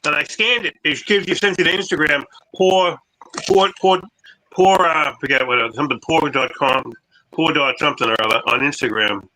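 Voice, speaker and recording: A man chatting casually as co-host of a collectibles show, rambling with halting restarts, his voice clipping and distorted through a phone mic. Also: on the high side, sharp tone. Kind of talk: casual online show chat.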